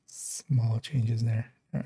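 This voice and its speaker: A young Dutch man thinks out loud on a live stream while looking over his work, rambling in a relaxed, casual way. His voice is husky and medium-pitched, and he draws out his words.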